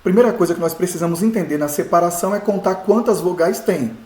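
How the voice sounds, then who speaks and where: A man teaches a lesson, his voice a little high. He goes step by step and keeps checking that his students follow. The room around him is echoey. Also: quick pace, mellow. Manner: patient, explains step by step, asks rhetorical checks. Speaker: pastor teaching biblical Hebrew. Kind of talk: classroom-style lesson.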